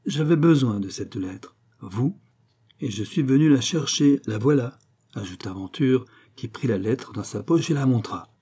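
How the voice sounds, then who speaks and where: A man reading an audiobook and voicing a smooth-talking, menacing male villain with falsely genial politeness. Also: mid-range voice, lively intonation, unhurried, dark tone. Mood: mock-polite.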